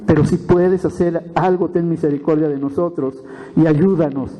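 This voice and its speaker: A man preaching a sermon as pastor, retelling the story with animated asides and frequent tag questions to the congregation. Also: fairly high pitch, normal speed, lo-fi sound. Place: church hall. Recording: long church reverb.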